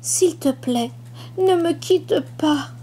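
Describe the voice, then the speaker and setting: A woman voicing a small, pleading young male lamb in a storybook read-aloud, her voice raised high. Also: animated, slow pace, a little hiss or hum.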